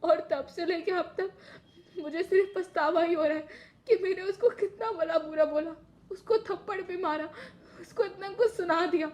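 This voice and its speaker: A woman playing a shrill, short-tempered housewife. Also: normal speed, a little mellow. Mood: tearful. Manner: scolding, shrill, then tearful. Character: short-tempered housewife who turns remorseful. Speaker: actress in a short drama.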